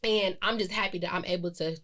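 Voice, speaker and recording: A woman in her 20s hosts a solo podcast, musing in a chatty, reflective monologue full of fillers and self-corrections. Her voice is on the low side and a bit bright, with a steady tone and a fairly quick pace.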